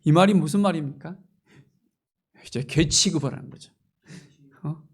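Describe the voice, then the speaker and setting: A male pastor delivers an impassioned sermon in a high, gravelly voice. He swings from loud exclamations to near-whispers and keeps asking rhetorical questions, throwing in a questioning "eh?" along the way. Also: normal speed.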